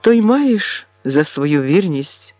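A lamenting old village woman speaks in an aggrieved, reproachful tone, as a male narrator puts her on. She talks slowly and a little high, in a dry, close recording. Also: very animated, darkish tone, dry recording.

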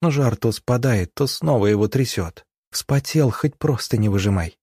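A man voicing a timid, earnest young female village nurse who talks in anxious, hurried pleas. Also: mid-range voice, lively intonation, a little mellow, slightly rough, no echo, clean studio sound.

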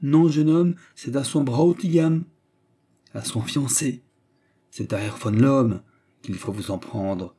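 A man voicing a coarse, scheming middle-aged male estate steward in a gruff, blustering manner. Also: lowish voice, slow pace, a little mellow, exaggerated voice.

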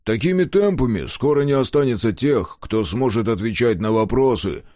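A man's voice: medium pitch, expressive, moderate pace, darkish tone, no room sound, clean studio sound, close to an everyday voice. A man voicing a jittery, wisecracking male mercenary sidekick in an audiobook. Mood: alarmed. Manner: worried, pleading.

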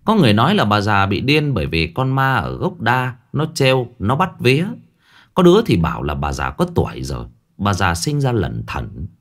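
Low-voiced man telling a ghost story. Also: normal speed. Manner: lively, dramatic storytelling. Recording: faint background music.

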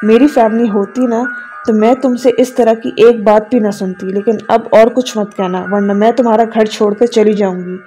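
A woman's voice: a little high, steady tone, mellow, soft background music, close to an everyday voice. A woman voicing a hurt, pleading young wife. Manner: pleading, tearful.

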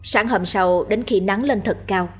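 A woman narrating a horror story in a steady, suspenseful reading. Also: medium pitch, measured pace, breathy edge, soft background music.

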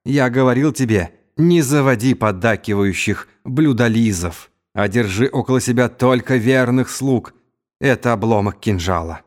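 A man voicing a calm, stern old Mongol general who speaks in a fatherly, even way. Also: mid-range voice, moderate pace, close to an everyday voice.

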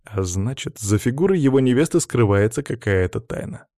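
A man's voice: medium pitch, lively intonation, moderate pace, darkish tone, no echo. Man reading an audiobook, dry sound. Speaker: audiobook narrator.

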